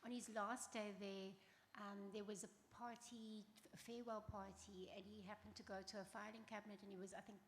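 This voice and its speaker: A woman's voice: mid-range voice, level tone, a little fast, hardly any pauses, slight background noise. A woman moderating a live panel discussion at a festival, chatty and loose, laughing as she talks. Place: festival venue before an audience. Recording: roomy hall with long reverb, faint ambience.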